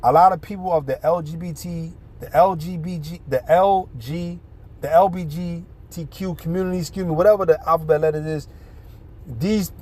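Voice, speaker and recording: Animated New York man telling a street story. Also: a little high. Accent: New York City. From New York City. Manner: animated, street slang, profane. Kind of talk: casual storytelling monologue.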